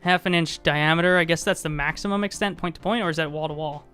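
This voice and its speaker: A man's voice: fairly high pitch, fairly even intonation, fast, sharp tone, faint music behind. A man co-hosting a podcast, chatting casually on a live stream and rambling with many fillers and restarts. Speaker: podcast co-host.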